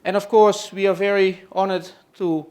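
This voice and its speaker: Hosting a farm tour session in a trade expo room, a Dutch-accented man from the Netherlands presents his guests to the crowd. His pitch is higher than typical for a man, and his delivery is flat and slightly mellow. Hesitant pauses and frequent "uh" and "let's say" fillers mark his speech.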